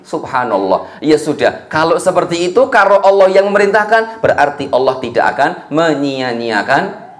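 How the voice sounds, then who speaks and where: A man with a Javanese accent preaching a sermon, telling a story in a lively way with folksy asides to his listeners. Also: a little high, normal speed. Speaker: Islamic preacher. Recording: echoey room.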